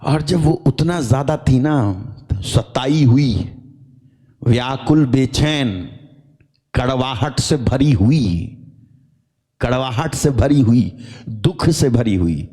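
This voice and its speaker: A male pastor delivers a sermon at an unhurried pace, stacking phrase on phrase for emphasis. His voice is warm and dark, never sharp. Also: medium pitch, husky, big-room sound. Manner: emphatic, repetitive preaching.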